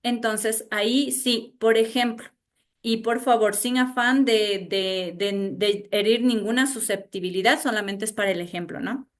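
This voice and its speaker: A woman teacher with an Ecuadorian highland accent speaks in an online lecture. Her voice sits fairly high and she talks slowly, often pausing to check in with her students and repeating key points. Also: fairly even intonation. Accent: Ecuadorian highland Spanish. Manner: unhurried, repeats herself, checks in with "¿sí?". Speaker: university teacher. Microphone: video call.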